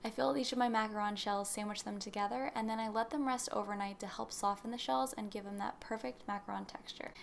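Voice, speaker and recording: A woman's voice: medium pitch, fairly even intonation, fast talker, gravelly, few pauses, a little hiss or hum. A young woman narrating a baking recipe as a voice-over, explaining each step in a friendly instructional way. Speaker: baking channel host.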